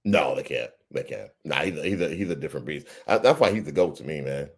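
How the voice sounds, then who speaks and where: A man co-hosting a podcast, chatting casually about sports, laid-back and quick to laugh, often repeating his words. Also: a bass voice, expressive, breathy edge. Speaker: podcast co-host.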